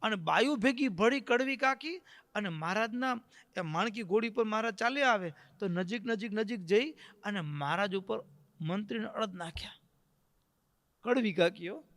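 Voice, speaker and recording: A man's voice: very high-pitched, pushed and bright, long reverb tail. A man tells a devotional story as a sermon, dramatic and acting out the characters' voices. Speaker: preacher.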